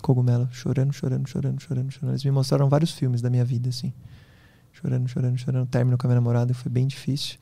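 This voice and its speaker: Fast-talking man with a gravelly voice. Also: medium pitch, dry recording. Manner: fast, animated storytelling. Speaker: podcast guest. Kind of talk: casual interview storytelling.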